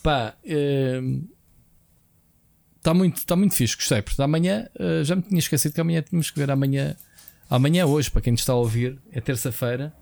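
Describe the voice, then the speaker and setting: A man's voice: on the high side, brisk, creaky, a little mellow, no echo. A man with a European Portuguese accent co-hosting a podcast in an informal, slangy, conversational way. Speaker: podcast co-host. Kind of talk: casual chat.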